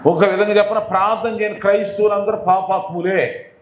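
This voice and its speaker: A man preaching with a high, ringing voice that bounces around an echoey room. He hammers key words over and over and throws questions out to his listeners. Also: steady tone, brisk. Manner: repetitive, emphatic preaching with call-and-response questions. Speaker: pastor. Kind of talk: Telugu sermon.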